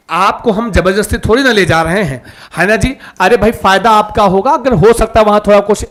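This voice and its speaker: Guy teaching a live class online, fairly high voice, keeps repeating stuff and nudging students to answer. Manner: lively and coaxing, repeats key terms and asks students to answer.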